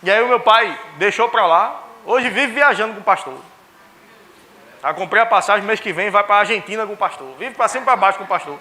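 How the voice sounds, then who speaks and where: Bright high-voiced pastor. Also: male voice, expressive, fairly quick. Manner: storytelling, acting out dialogue with family. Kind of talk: sermon. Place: church.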